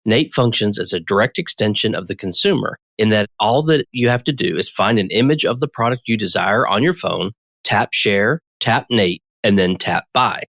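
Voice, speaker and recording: A man's voice: fairly low pitch, expressive, moderate pace, fairly bright tone, dry recording, studio quality. A man from the United States hosting a payments podcast, reading a scripted intro and then chatting with his guest. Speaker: podcast host. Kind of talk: podcast interview.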